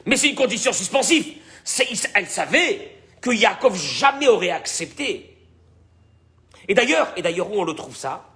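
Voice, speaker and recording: Speaking at a moderate pace in a high male voice, a rabbi leads a class on the weekly Torah portion. He brings the dialogue to life, says words more than once, and asks his listeners question after question.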